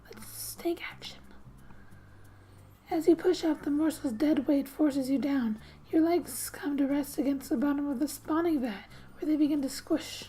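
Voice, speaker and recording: Speaking softly and breathily, a woman with a high-sitting voice reads a game's story aloud, often close to a whisper. She's an ASMR gamer and host, keeping a gentle, unhurried pace and dropping in casual asides.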